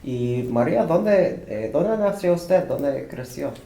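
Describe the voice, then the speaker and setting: Man, interviewer, halting questions, warm dark tone, faint background hum. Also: fairly high pitch, expressive, vocal fry. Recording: roomy room with faint noise.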